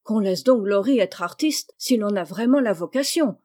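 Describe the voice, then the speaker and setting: A woman's voice: mid-range voice, animated, moderate pace, a little mellow, no room sound, studio quality, lightly acted. A woman reading as Jo, a blunt, impetuous teenage girl. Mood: indignant.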